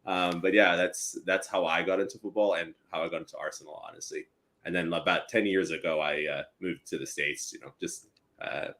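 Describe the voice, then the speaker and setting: A young man from East Africa, a company co-founder chatting casually as a podcast guest with lots of fillers. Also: deep voice. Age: young adult. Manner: relaxed, rambling with many fillers.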